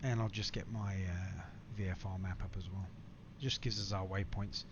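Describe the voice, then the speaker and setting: Speaking low with fairly even intonation at normal speed, the streamer chats matily with viewers while flying a simulator. The recording has a faint hum of background noise and a slightly dull quality.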